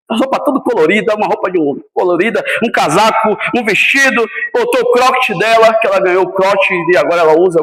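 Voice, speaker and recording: A man, a pastor from Brazil's Northeast, preaches with a strikingly high voice. He climbs into shouted peaks, then drops to a low, intimate storytelling tone. The church hall around him rings with echo. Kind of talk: sermon.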